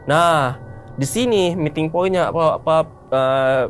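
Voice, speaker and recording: A man of about thirty, a guest, casually recounts a personal story about a mountain hike in informal, colloquial speech, acting out bits of dialogue. His voice is a little high and measured, with a slight hiss or hum.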